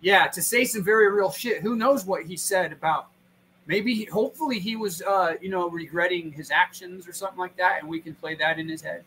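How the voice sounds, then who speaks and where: A man on a stream, rambling profanely and acting out pranks in quick put-on voices. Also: high-pitched, bright, forceful tone, poor audio. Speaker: guest. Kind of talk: crude casual chat on a stream.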